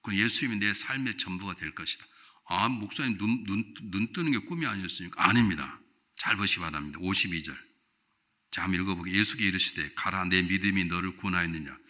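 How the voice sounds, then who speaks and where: An older man preaching a revival sermon in a church, swinging from loud exclamations to quiet storytelling and putting questions to the congregation. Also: sits low, brisk. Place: church sanctuary.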